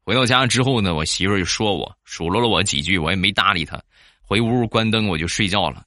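A man telling funny stories about married life, acting out the quoted people in sudden high bursts. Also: fast, pushed and bright, no echo, studio quality. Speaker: joke-telling host. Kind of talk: comic storytelling.

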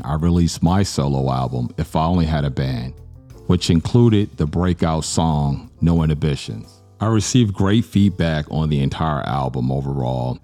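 Very deep, mellow-voiced male podcast host. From Virginia, US. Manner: relaxed, earnest, many filler sounds. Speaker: podcast host and music producer. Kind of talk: casual podcast talk about his album.

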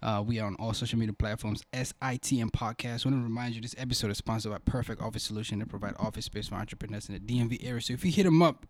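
A man co-hosting a podcast, talking in an energetic, upbeat, casual way. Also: on the low side, no echo. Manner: energetic, upbeat, quick to laugh. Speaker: podcast co-host. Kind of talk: casual chat.

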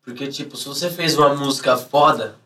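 A man's voice: medium pitch, fairly quick, bright, forceful tone, distant mic. A man with a São Paulo accent chatting casually as an interview guest, in heavy street slang, often acting out imagined reactions. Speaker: music artist, interview guest. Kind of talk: casual chat.

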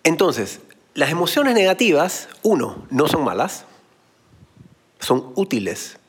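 A man's voice: a little high, big pitch swings, slow pace, slight background noise. A man giving a motivational talk, explaining with everyday analogies and blunt slang. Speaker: motivational speaker.

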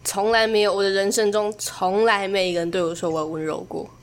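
说话干脆、爱调侃的女声. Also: female voice, medium pitch, little pitch movement, fast. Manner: dry teasing quips. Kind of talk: casual chat.

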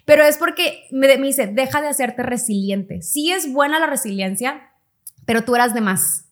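A young woman talks casually on a podcast, with a fairly high voice. She tells a personal story and jumps into quick, lighter voices when she acts out what people said. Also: expressive. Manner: storytelling, acts out quoted dialogue in quick higher tones. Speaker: podcast co-host. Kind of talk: casual chat.

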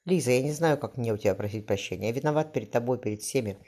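A man's voice: mid-range voice, rapid-fire, a little mellow, close to an everyday voice. A man reading the lines of a desperate young husband begging forgiveness. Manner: desperate, pleading.

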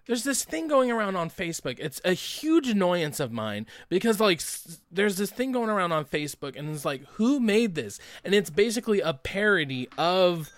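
Animated man in lively casual chat. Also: high-pitched, normal speed, few pauses, dry recording, clean studio sound. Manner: animated, swears, bursts into loud laughter. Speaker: podcast co-host.

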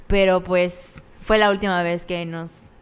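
A woman's voice: on the low side, fairly even intonation, a little slow, smooth, in a large hall. A woman with a Mexican accent chatting casually, telling a candid personal story with slang. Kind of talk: casual chat.

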